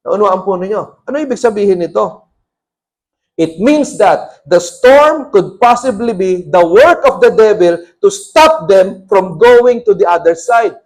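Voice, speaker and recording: This is a high-voiced man with a Filipino accent delivering a sermon as pastor. He blends Tagalog with English, raising his voice to perform the lines he quotes.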